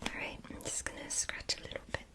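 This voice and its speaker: A woman whispering softly and gently in an unvoiced ASMR ramble, chatting casually to her viewers. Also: brisk. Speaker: ASMR video creator.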